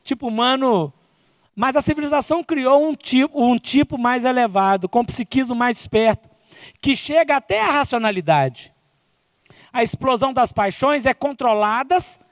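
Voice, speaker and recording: A man's voice: very high-pitched, clean studio sound. A man with a Brazilian accent giving a spiritist lecture at a conference, often tagging his sentences with "né?" and "não é?". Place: conference hall. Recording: long reverb from a big hall.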